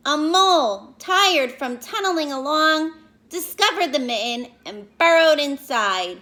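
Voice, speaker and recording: In a lively, teacher-like style, a woman reads a picture book to small children, stopping now and then to explain things and pose questions. Her voice is high-pitched.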